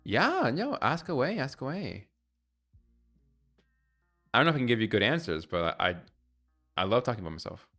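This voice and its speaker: A man's voice: medium pitch, sing-song, normal speed, pauses often, fairly bright tone, soft background music. A young man from Ecuador chatting candidly on a live stream, rambling and correcting himself as he answers viewers. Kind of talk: casual live-stream chat.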